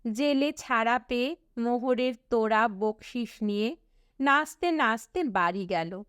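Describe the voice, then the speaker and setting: Reading a storybook aloud, a female audiobook narrator uses a measured, expressive style with deliberate pauses between phrases. Her pitch is fairly high and her tone clean, recorded in a clean studio with no echo.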